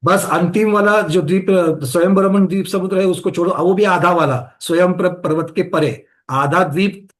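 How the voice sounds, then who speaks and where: Guy with a high voice running a religious lesson, keeps tossing questions back at the class. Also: normal speed, few pauses. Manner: questioning students, explaining with rhetorical questions. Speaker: teacher of a scripture study class.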